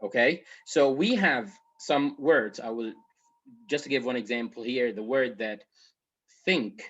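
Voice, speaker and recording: A man's voice: medium pitch, a bit bright. Egyptian guy teaching ielts speaking, mid voice, keeps saying okay, kinda muffled audio. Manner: explains with repeated okay checks. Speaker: English teacher.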